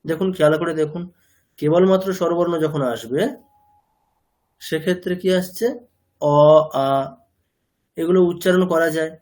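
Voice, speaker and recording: A man's voice: a little high, fairly even intonation, moderate pace, pauses often, darkish tone. A man teaching a language class, explaining patiently, quizzing his students with questions, and mixing English words into his talk. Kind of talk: classroom lecture.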